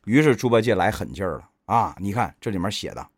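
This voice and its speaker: Man, casual storytelling host, swooping lively pitch. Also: quick pace, no room sound, clean studio sound. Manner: animated, jokes and acts out quoted lines.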